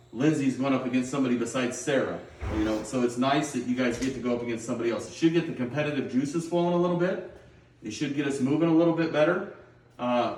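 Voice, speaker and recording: A middle-aged man coaching a team through a pregame pep talk, heard from a distance in a roomy, echoing space. His voice sits at an ordinary male pitch. He is plain-spoken and instructive, checking often that players follow. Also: a little mellow. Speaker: high school girls' basketball coach. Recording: roomy echo, distant microphone.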